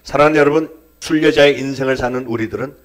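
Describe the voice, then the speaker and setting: A man preaching a sermon as pastor, building to emphatic peaks and dropping to quiet, near-whispered endings. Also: mid-range voice, fast talker.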